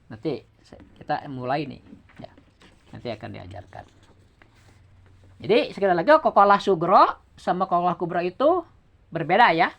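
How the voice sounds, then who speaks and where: A woman with a Sundanese accent teaching recitation rules at home. She patiently checks that her students understand and chants verses slowly as examples. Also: lowish voice. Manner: demonstrates verses in slow chant. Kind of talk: home tajwid lesson.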